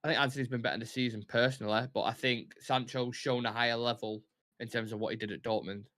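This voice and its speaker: A young Mancunian man with a medium-pitched, fairly bright voice talks fast in a level tone. He hosts a live football watch-along, chatting and commentating casually, blunt, sweary and full of opinions.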